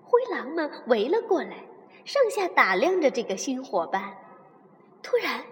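A woman reads a children's story aloud as the host of a bedtime story show, warm and expressive toward young listeners. Her voice is high and swings widely, and her pace is slow. A long reverb hangs behind it.

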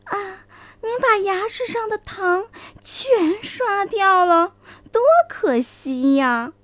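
A woman voicing a cunning male fox in a children's story, flattering and wheedling. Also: extremely high pitch, slow, dry recording, pitched above the performer's own voice, heavily acted. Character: sly smooth-talking male fox.

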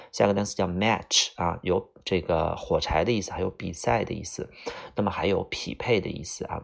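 A man teaches English vocabulary to students, his voice very low and gravelly with a husky edge. He explains each word slowly with example phrases, sprinkling in little filler sounds as he goes. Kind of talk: vocabulary lesson.

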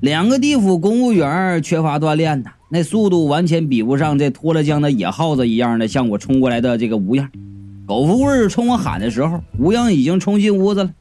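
A man's voice: on the high side, animated, fairly quick, warm tone. A man narrating a comic story in a playful, wry manner. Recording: faint background music.

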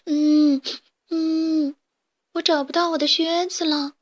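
Woman doing a high, eager little alien boy chick, storybook, proud and chatty. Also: expressive, moderate pace, fairly bright tone. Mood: tearful. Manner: chirpy, eager and a bit proud. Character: cheerful young male alien chick student. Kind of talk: storybook character voice.

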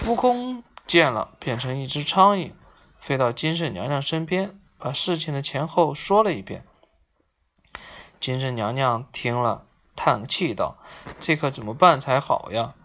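With lively, expressive narration, a storyteller reads a classic children's tale at an unhurried pace. The mid-range voice is gravelly, full of vocal fry.

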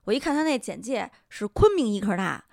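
A woman's voice: medium pitch, a little fast, gravelly, dry recording, studio quality. A woman hosting a podcast, telling a story in casual chat and acting out the voices she quotes. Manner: animated, laughs often, acts out quoted voices. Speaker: podcast host.

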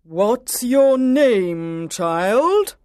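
A woman playing an imperious, angry storybook queen who barks out drawn-out commands. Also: on the high side, very animated, a little mellow, no echo, clean studio sound, full character voice. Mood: haughty, demanding. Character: furious, imperious Queen of Hearts playing card. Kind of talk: children's storybook dramatization.

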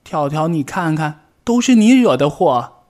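A man voicing a young, excitable rabbit child in a storybook reading, talking loudly and scolding. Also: fairly high pitch, a little slow, voice pushed up, natural voice. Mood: excited. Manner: loud, scolding.

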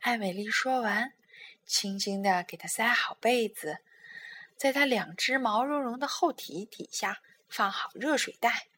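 A woman narrating a bedtime story for children in a soothing, expressive way. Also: on the high side, measured pace.

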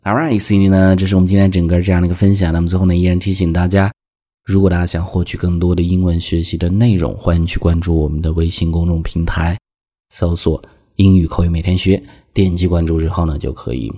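A man teaching an English vocabulary lesson in Chinese, explaining each word step by step and reading the examples slowly. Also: sits low, level tone, dark tone.

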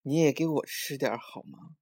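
A man's voice: medium pitch, moderate pace, darkish tone, breathy edge, voice pushed up, lightly acted. A man voicing a pouty, competitive little boy who talks in a huffy, insistent way. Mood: excited.

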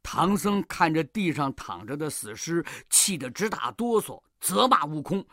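A woman storyteller narrating a children's tale at an unhurried pace. Her pitch swings lively up and down. The recording is dry and close. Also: no room sound. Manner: slow, animated, drawn-out storytelling.

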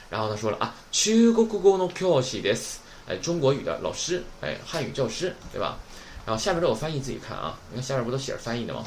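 A man's voice: medium pitch, fairly bright tone, slight background noise. A man, teaching an online class. He is chatty and keeps asking the class "right?". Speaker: Japanese teacher.

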